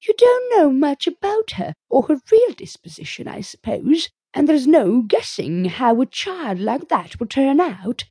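A woman's voice: high voice, very animated, measured pace, few pauses, dark tone, no room sound, pitched above the performer's own voice, full character voice. A woman voicing an outspoken, disapproving older woman neighbor in a storybook reading, emphatic and blunt. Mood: gloomy. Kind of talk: audiobook character reading.

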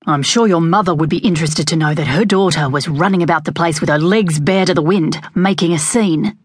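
A woman voicing a blunt, teasing young country man in a lowered voice. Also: a little fast, husky, dry recording, clean studio sound.

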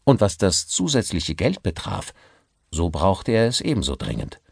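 A male audiobook narrator with a low, gravelly voice, reading with lively, expressive shifts in pitch. The recording is close and dry, with no room sound. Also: normal speed, dry recording. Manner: expressive storytelling. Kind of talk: scripted narration.

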